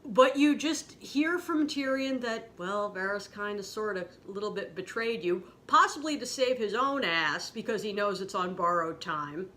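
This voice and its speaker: A woman ranting angrily and sarcastically, swearing freely, her voice jumping up high when she gets outraged. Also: expressive, moderate pace, hardly any pauses, fairly bright tone, slight background noise. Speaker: podcast host ranting about a TV episode. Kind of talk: angry profane rant.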